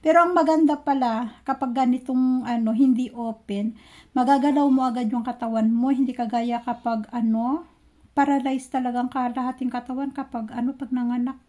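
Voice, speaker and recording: A woman vlogger telling a personal story in a chatty, casual way, often pausing to search for words. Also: high-pitched, steady tone, a little mellow.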